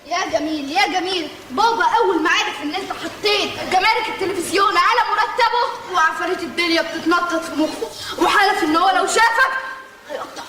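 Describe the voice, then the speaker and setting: An actress with an Egyptian accent playing a sharp-tongued young daughter in a stage comedy. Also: female voice, very high-pitched, quick pace, slight background noise. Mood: teasing. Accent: Egyptian Arabic. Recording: roomy stage sound.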